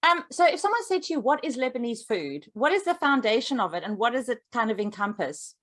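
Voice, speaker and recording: A woman hosts an interview. Her voice sits a little high, and she is friendly as she leads with questions, often starting with an "um". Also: very animated, brisk, fairly bright tone. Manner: friendly, prompts with questions and fillers.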